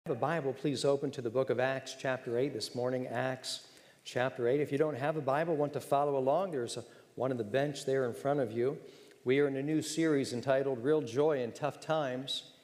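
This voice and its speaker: A man preaching a sermon as pastor, earnest and direct, clearing his throat now and then. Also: mid-range voice, steady tone, fairly quick, darkish tone. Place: church sanctuary. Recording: reverberant church sanctuary.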